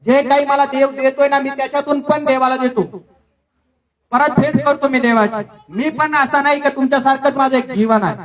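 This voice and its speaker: A man's voice: extremely high pitch, steady tone, moderate pace, fairly bright tone, far from the mic. A male pastor giving a sermon, firing rhetorical questions at the congregation and mimicking boastful givers with repeated chanted phrases. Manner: rhetorical questions and call-and-response.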